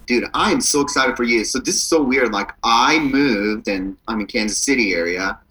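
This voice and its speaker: Male podcast co-host, bright voice, goofy and playful, remote call audio. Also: mid-range voice, moderate pace, poor audio. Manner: jokey, playful, goofy outbursts. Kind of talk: casual podcast chat. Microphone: remote recording over the internet.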